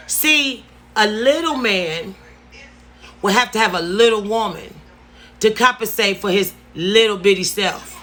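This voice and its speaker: A vlogger talks to her viewers in a casual story-time chat to camera, driving points home by repeating words. She has a bright, forceful voice that's a little high.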